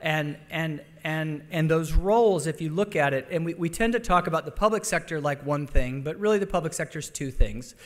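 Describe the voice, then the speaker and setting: A man from Denver giving a conference luncheon speech, halting with restarts and fillers. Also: a little high. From Denver, Colorado. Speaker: conference speaker. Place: large conference hall. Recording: long hall reverb.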